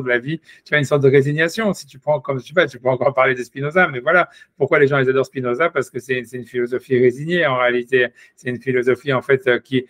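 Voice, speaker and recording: In a dry recording, a man with a medium, slightly bright voice rambles through a casual Torah discussion as the teacher. He keeps restarting, throws asides at his listener, and says "tu vois" again and again.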